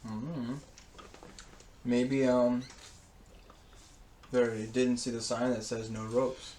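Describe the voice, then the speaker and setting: Quiet slow-spoken man, noisy mic. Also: medium pitch, little pitch movement. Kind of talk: casual chat.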